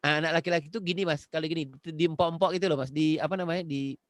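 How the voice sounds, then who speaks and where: Man from Indonesia, conversational lecturer on a video call, earnest and repetitive, slightly high, dry. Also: steady tone, very fast, no echo. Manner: earnest, repeats phrases, addresses listener directly. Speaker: parenting webinar speaker.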